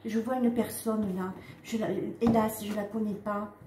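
A woman giving a casual spiritual card reading, talking straight to her viewers in a halting way with frequent "hein" and "d'accord" tags. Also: mid-range voice, fairly even intonation. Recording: echoey room with faint ambient noise.

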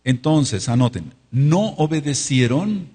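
Husky preacher man leading a congregation. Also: a little high, animated, mellow. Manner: calls for repetition and amens from congregation; emphatic, drawn-out words for emphasis. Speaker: pastor. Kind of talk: sermon.

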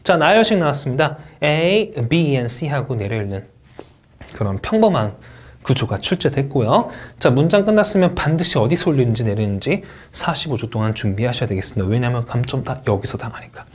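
A man teaching an exam-prep lecture, explaining pronunciation rules in a brisk teacherly way and saying English example words aloud with a Korean accent. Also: medium pitch, sing-song, breathy edge. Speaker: test-prep instructor.

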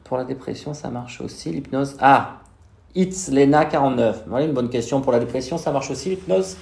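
A man's voice: medium pitch, fairly quick, vocal fry, darkish tone. A young man with a slushy lisp on his s, chatting casually as a live-stream host and reading out viewers' questions. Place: small indoor room. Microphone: phone at arm's length. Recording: echoey room sound.

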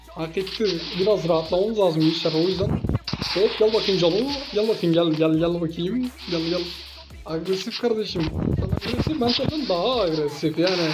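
A man giving excitable gameplay commentary as a gaming YouTuber, teasing his opponent with playful trash talk. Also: high voice, low-quality recording.

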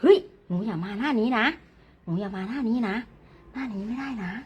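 A woman's voice: on the high side, fairly quick, darkish tone, muffled recording, a little hiss or hum. An older woman, a grandmother chatting playfully and coaxing her grandchild while cutting her hair, filmed at home. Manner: coaxing, playful, often laughing. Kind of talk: casual vlog chatter.

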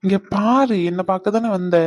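A woman's voice: mid-range voice, normal speed, close to an everyday voice. A woman voicing a playful young man in a cartoon who teases and coaxes the girl he loves. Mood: coaxing. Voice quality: teasing, coaxing. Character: young man Raghu, playful and teasing lover. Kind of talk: cartoon voice acting.

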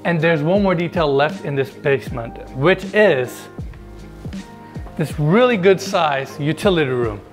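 A man in his thirties with a fairly high, animated voice keeps a measured pace while showing viewers around a big basement, faint music behind him. His walkthrough narration is casual, eager and chatty, picked up by a lapel mic indoors.

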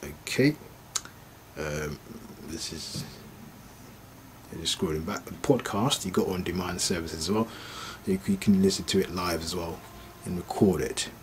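A man with a deep voice gives a casual, unscripted product demonstration at an unhurried pace. He narrates the tutorial hesitantly, mumbling, with faint background noise in the recording.

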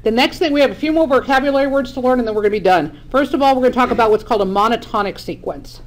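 A woman's voice: on the high side, animated, racing. A woman teaching a math class. She lays out each idea step by step and keeps asking her students whether they follow. Faint room noise sits behind her voice. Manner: explains step by step, checks in with "okay?". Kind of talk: classroom lecture.

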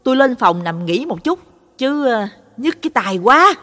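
A woman's voice: sits low, lively intonation, moderate pace, darkish tone, voice pushed down. Brief: woman playing a cranky male butcher, irritable, long room reverb. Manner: drawling, irritable. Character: gruff middle-aged male dog butcher, short-tempered.

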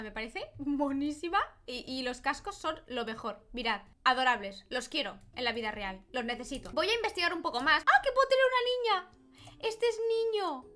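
A woman's voice: sits high, sharp tone. A young woman with a Spanish accent from Spain, commenting casually on a game she is playing at home and squealing over cute things, on a desk microphone with faint game music behind her. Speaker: gaming YouTuber. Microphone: desk microphone with headphones.

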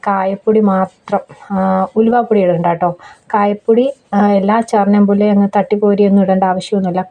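A young woman narrates her home cooking in a quick, chatty voice-over, explaining every step and tossing in little tag questions to her viewers. Her voice sits at a middle pitch. The recording is dull and lo-fi, made outdoors. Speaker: cooking vlogger.

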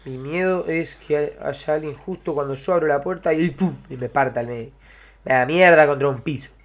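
Jumpy high-voiced Argentine gamer man. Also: normal speed. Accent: Argentine Spanish. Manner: jumpy, swears constantly, screams in fright. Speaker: let's play gamer. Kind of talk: horror gameplay commentary.

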